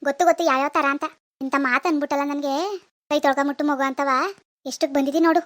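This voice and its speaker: A woman's voice: high-pitched, flat delivery, quick pace, natural voice. A woman voicing an easily offended old grandmother who grumbles and answers back with sarcasm, in a rural Kannada village dialect. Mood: aggrieved. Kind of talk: cartoon voice acting.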